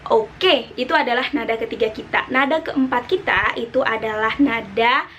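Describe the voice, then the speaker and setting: A woman's voice: fairly high pitch, normal speed, fairly bright tone, slight background noise. A young woman with an Indonesian accent, giving a casual online Mandarin lesson and drawing out syllables to show the tones. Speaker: Mandarin teacher.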